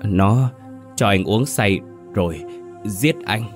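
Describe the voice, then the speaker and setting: The ghost of a murdered husband, breathless and broken, as a male narrator puts him on. The low voice sounds distant and faint, with soft music behind. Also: takes it slowly. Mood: gasping.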